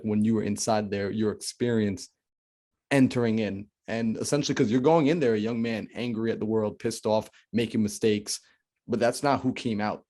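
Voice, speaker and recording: A man's voice: fairly low pitch, a little mellow. A man hosting an interview as a mindset coach, recapping his guest's story and checking in with "right?". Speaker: podcast host, mindset coach. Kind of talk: interview questions.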